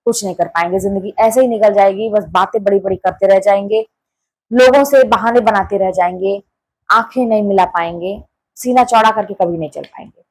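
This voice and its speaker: A woman's voice: mid-range voice, a little fast, a little mellow, no echo, low-quality recording. A woman giving an earnest, insistent motivational talk to her channel's viewers, repeating her points for emphasis. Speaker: motivational YouTuber. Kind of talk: casual motivational talk to camera.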